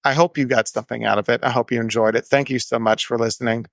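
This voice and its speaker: Opinionated Texan man, gravelly and dry. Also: mid-range voice, fairly even intonation, fast, no echo. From Texas. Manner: opinionated, emphatic, with small self-corrected flubs. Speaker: podcast host. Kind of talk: unedited solo podcast commentary.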